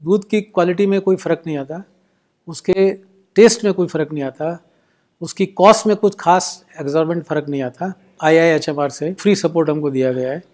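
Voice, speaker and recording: A man's voice: a little high, a little fast, darkish tone. A man, a dairy official, speaking matter-of-factly in an interview.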